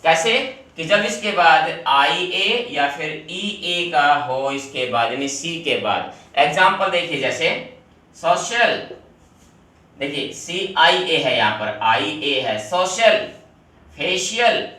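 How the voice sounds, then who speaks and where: Male teacher, bright voice, recorded off-mic in a very echoey room. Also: fairly high pitch, animated, takes it slowly, few pauses, far from the mic. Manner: explains step by step, repeats rules, addresses students directly. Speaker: English teacher. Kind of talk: classroom video lesson.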